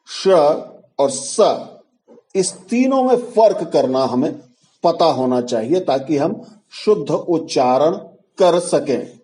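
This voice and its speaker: Slow, careful man teaching pronunciation. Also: fairly high pitch, dark tone. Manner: careful, deliberate explanation with drawn-out example sounds. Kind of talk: pronunciation lesson.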